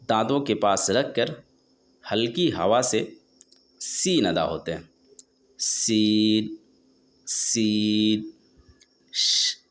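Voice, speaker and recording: A man teaching a tajweed pronunciation lesson, explaining how each letter is formed and repeating the sounds slowly and drawn out. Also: on the low side. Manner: asks and answers his own questions. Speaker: Quran recitation teacher.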